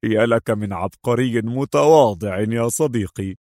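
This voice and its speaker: A male narrator voicing a calm, confident spy hero in a low, unhurried, gently assured tone. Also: creaky, dry recording, studio quality, heavily acted.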